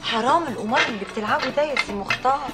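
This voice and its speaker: An actress playing a young wife, speaking in Egyptian Arabic in a coaxing, chiding way. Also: female voice, sits high, very fast, natural voice. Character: pleading, disapproving young wife. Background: music.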